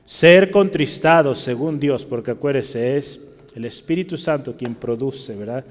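A man's voice: medium pitch, measured pace, big-room sound. A male pastor preaching a sermon, punctuating his points with "¿verdad?" and climbing to emphatic peaks.

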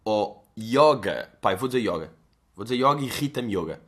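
A young man with a European Portuguese accent hosts a casual solo podcast, speaking at medium pitch in a bright, forceful, animated voice that races along. He rambles, pokes fun at himself, and swears a lot.

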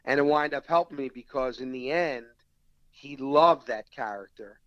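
At a moderate pace and medium pitch, a man with a South Philadelphia accent tells stories as an actor guest in a casual interview. He quotes others in dialogue, animated throughout. There's no echo, though the audio is dull.

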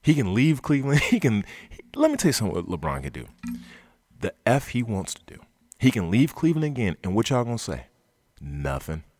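A man's voice: medium pitch, huge pitch swings, fairly quick, darkish tone, no echo. A man hosting a sports podcast, ranting with passion and swearing freely as he argues his point. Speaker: podcast host. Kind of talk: heated sports talk rant. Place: basement studio.

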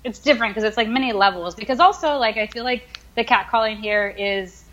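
A young American woman in her twenties chats casually as an interview guest, thinking aloud with many fillers. Her fairly high, fairly bright voice moves fairly quickly, and the sound is lo-fi.

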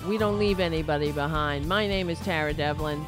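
A woman's voice: deep voice, brisk, music in the background. A woman hosting a live political show, delivering an emphatic rally speech in short, declarative slogan phrases.

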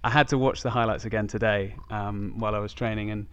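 A man's voice: fairly low pitch, fairly even intonation, quick pace, fairly bright tone, clean tone, lo-fi sound. A man hosting a podcast, talking casually about sport. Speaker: podcast host.

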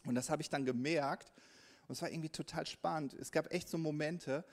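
A man preaching a lively, conversational sermon at a church service, often checking in with his listeners and acting out his own inner voice. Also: a little high, fairly quick. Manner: checks in with listeners by asking 'ja?'. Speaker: pastor.

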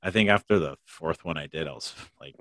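A man with a very low voice hosts a casual podcast chat. He rambles loosely, circling back with fillers and restarts. The sound is dry and close, with no room in it. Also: fairly quick, fairly bright tone, no echo. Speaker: podcast host.

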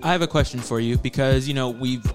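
Quick-talking man asking a podcast question. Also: mid-range voice, soft background music. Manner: thoughtful, winding question with restarts. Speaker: podcast host. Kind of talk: interview question.

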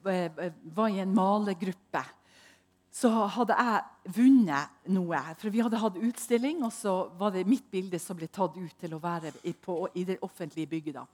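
A woman preaching in a testimony style, telling stories with loud emphasis and hushed, whispered asides. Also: on the low side. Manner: animated storytelling, swings between loud emphasis and hushed whispers.

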